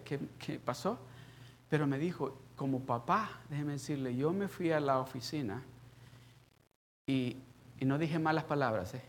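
A middle-aged man preaching a sermon, telling a personal story in a conversational way that swells into loud, emphatic passages. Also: a little high. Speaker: pastor.

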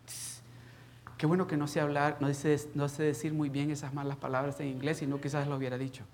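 A middle-aged man preaching a sermon, telling a personal story in a conversational way that swells into loud, emphatic passages. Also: fairly high pitch, little pitch movement, fairly quick, slight background noise. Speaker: pastor.

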